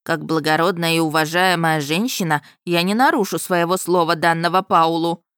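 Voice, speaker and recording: A woman's voice: fairly low pitch, fairly even intonation, moderate pace, a bit bright, clean tone, dry recording, studio quality, close to an everyday voice. A woman voicing a proud, commanding older female snake-woman.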